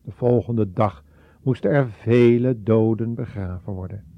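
A man narrating a Bible story slowly and dramatically, lifting his voice for quoted speech. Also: lowish voice, gravelly, no echo. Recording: dull, lo-fi.

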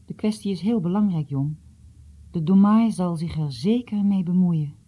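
A grieving, devout mother in a storybook scolds her son in a dark, husky voice, as a woman reads her. Her tone is reproachful and tearful. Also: on the low side, moderate pace, natural voice.

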